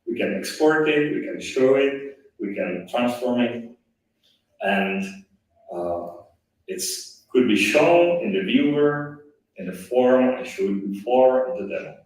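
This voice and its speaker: A man giving a technical conference presentation, talking haltingly with restarts, his voice played through a loudspeaker and re-recorded. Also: medium pitch, expressive. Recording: echoey, distant speaker re-recording.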